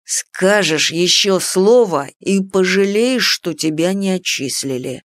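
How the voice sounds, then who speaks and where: A cool young werewolf in an audiobook, sardonic and unhurried, put on by a woman reader. He drops below her usual pitch and takes his time, menacing without raising his voice, in a dry, close recording. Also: clear, resonant tone, no room sound. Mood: cold. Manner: calm, unhurried, quietly menacing.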